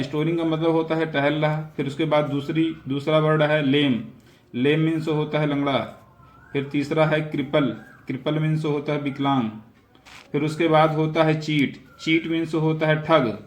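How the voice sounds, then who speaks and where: A man's voice: a little high, roomy sound. A man teaching a vocabulary lesson, repeating each word and its meaning and explaining how to pronounce it.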